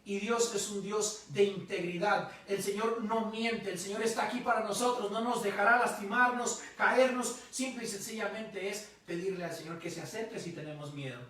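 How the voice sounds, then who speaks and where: Brief: man, lay preacher, lively storyteller, high voice, recorded far off in an echoey space. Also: normal speed, few pauses. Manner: animated storyteller, acts out father and child, calls listeners carnal. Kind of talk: storytelling sermon. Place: live-streamed show. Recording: echoey, distant from the mic.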